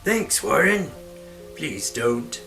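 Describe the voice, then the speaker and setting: A panicky, sanctimonious ex-priest from a fantasy audiobook, played by a man. He speaks with hammy stage theatrics at a raised pitch, over background music. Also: sing-song, extremely slow, vocal fry, sharp tone, reverberant, heavily acted. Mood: testy. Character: anxious, sanctimonious male former priest, panicky passenger. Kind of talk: dramatic audiobook reading of a fantasy novel. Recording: music behind the voice.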